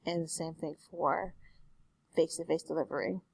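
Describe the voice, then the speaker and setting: A woman's voice: low-pitched, fairly even intonation, normal speed, vocal fry, slightly rough, no room sound. A woman speech instructor giving a recorded online lecture in a conversational way, often correcting herself. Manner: conversational, frequent self-corrections and "excuse me".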